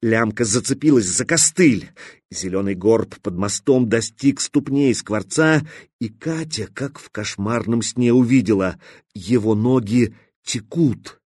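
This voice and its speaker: A man with a husky voice narrating an audiobook in a tense, measured way. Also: medium pitch, darkish tone, dry recording, clean studio sound. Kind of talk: scripted narration.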